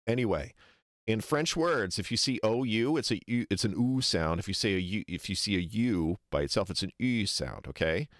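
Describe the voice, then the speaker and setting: An American man streaming casual commentary, rambling and animated as he exaggerates foreign vowel sounds to make his point. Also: lowish voice, normal speed, dry recording, clean studio sound. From United States. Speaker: streamer reacting to a lecture.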